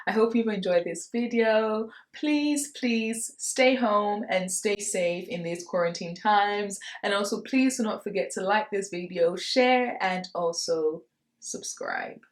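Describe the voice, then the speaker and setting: A woman's voice: mid-range voice, slow pace. A woman in her late twenties from Nigeria, chatting casually through a Q&A for her vlog and laughing between answers. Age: 20s. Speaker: vlogger. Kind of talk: casual Q&A chat to camera. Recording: roomy echo.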